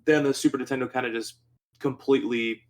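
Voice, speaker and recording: A young man in a loose, chatty podcast conversation. His voice sits in an ordinary middle pitch, and he gets excited as he talks. He rambles through plenty of "like"s and swears freely. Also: fast. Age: young adult. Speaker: podcast co-host. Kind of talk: casual chat.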